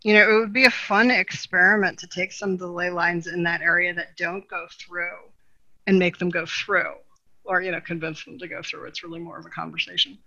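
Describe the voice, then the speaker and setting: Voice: medium pitch, fairly even intonation, a little fast, pushed and bright, no echo, highs cut off. A podcast co-host in a casual, rambling chat, with many "you know" fillers and frequent laughter.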